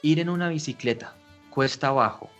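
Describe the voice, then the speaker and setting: A man, an orchestra conductor, giving a lecture on music in an explanatory way, often asking his listeners rhetorical questions. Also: mid-range voice. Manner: acts out shouted and slowed example lines.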